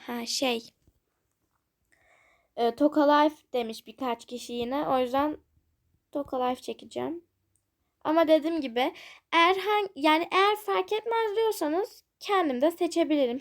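A young woman casually commenting on a café game she is playing, chatting to her viewers with giggly, self-conscious asides. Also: high-pitched. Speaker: gaming channel host.

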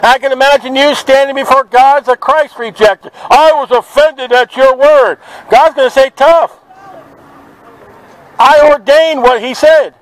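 Man, very high voice, street preacher, confrontational, outdoors by traffic. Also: a little slow, rough recording. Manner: forceful, confrontational preaching with scripture quotes. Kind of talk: open-air street preaching. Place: outdoors at a city market by traffic.

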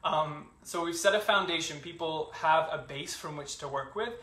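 A man teaching a yoga class, calling breath cues and explaining the flow in a relaxed, chatty way, a little out of breath. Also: a little high, moderate pace, roomy sound.

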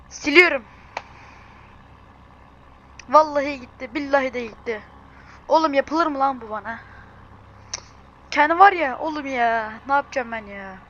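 A young woman hosting a car game video, talking in a hurried, distraught way and swearing oaths as she goes. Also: sits high, a bit bright, highs cut off. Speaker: mobile car game channel host. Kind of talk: gaming screen-recording vlog.

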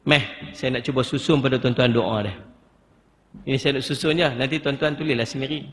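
A man's voice: mid-range voice, fairly even intonation, fairly quick, a bit bright, in a large hall, slight background noise. A man with a northern Malay Kedah accent giving an emotive religious lecture in a mosque, coaxing his audience. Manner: emotive, coaxing, acts out tearful pleading prayers. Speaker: religious teacher. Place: mosque hall.

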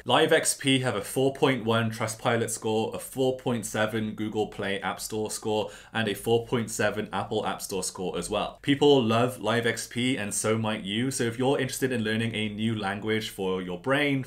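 A man's voice: fairly low pitch, normal speed, few pauses. A man hosting his own channel, telling a story in a chatty educational style with wry, slangy asides. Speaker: YouTube host.

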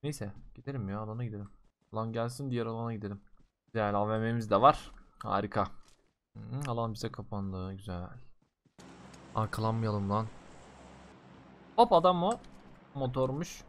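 A young man gives slangy, excitable commentary to his viewers while playing a mobile shooter game, swinging between loud outbursts and low muttering. He talks at a moderate pace and pauses often.

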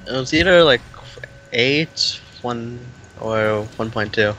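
A man's voice: medium pitch, slow pace, pushed and bright, a little hiss or hum, poor audio. A young man chatting offhandedly during a game, swearing casually. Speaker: gamer, duo partner. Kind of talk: casual gaming chat.

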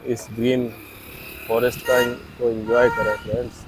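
A man's voice: mid-range voice, little pitch movement, moderate pace, background noise. Chatty man vlogging outdoors. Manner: chatty, cheerful, laughs often. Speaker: travel vlogger. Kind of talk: casual travel vlog. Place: outdoors by a hill road.

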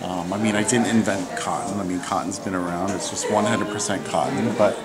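A man's voice: sits low, fairly quick, loud music behind the voice, rough recording. A man in his forties, a salon colorist, casually explaining hair color products to a camera held close in an indoor salon. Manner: relaxed explaining, chatty. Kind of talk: casual demonstration. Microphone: handheld camera held close. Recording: loud salon crowd chatter.

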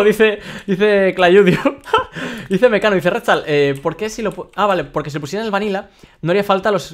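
A young man with a Spain Spanish accent streaming a game live and reading chat aloud, excitable, laughing often and stumbling over his words. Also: a little high.

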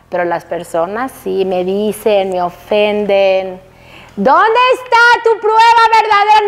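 High-voiced woman teacher, emphatic. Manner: lively, emphatic, rhetorical questions to the audience. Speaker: religious teacher. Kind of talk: Torah lecture to women. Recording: long hall reverb.

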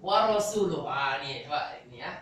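A man's voice: fairly high pitch, expressive, moderate pace, a bit bright. A male Quran teacher giving a classroom lecture, explaining step by step and asking the class questions. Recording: echoey hall, voice from far off.

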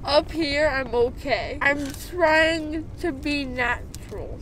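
A high-pitched young woman chats in a noisy car, groggy from anesthesia. She rambles slowly in a shaky, tearful voice, her mouth numb. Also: fairly bright tone. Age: young adult. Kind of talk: casual chat. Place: inside a car. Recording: noisy car interior with street ambience.

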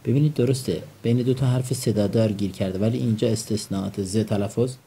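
A man with a lowish, warm voice and a breathy edge is teaching English vocabulary. He quizzes his students and has them repeat each word back in call-and-response drills.

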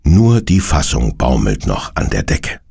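Brief: male narrator for a children's audio drama, gravelly voice, lively tone. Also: a bass voice, unhurried. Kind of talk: scripted storytelling for children.

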